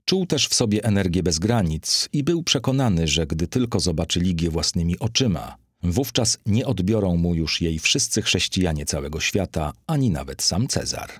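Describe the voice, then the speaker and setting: A low-voiced man reads a classic novel aloud in a measured storytelling manner. His voice has a husky grain. The studio sound is dry and close. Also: big pitch swings, no room sound. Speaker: audiobook narrator. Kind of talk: scripted literary narration.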